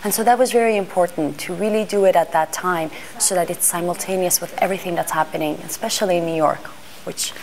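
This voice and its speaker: In an interview monologue, a middle-aged art fair panel organizer, Iranian-born and raised in Greece and Washington D.C., speaks thoughtfully but with frequent restarts and fillers while she searches for words. Her lowish voice is a little mellow, with fairly even intonation and a quick pace.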